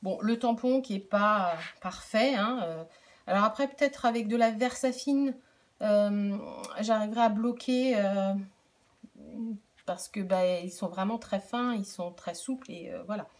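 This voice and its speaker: A middle-aged woman, a crafting vlogger and product demonstrator, casually shows off her craft purchases in a show-and-tell vlog. She talks at a measured pace in a medium-pitched voice, chatty but hesitant, with many fillers and restarts. Faint background noise and clicks can be heard.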